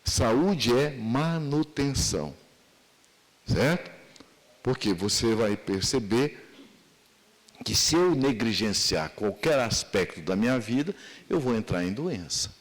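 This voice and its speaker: Man, Brazilian accent, spiritual lecture, rhetorical questions, mid pitch, long hall reverb. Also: animated, slow pace, long pauses. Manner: asks many rhetorical questions.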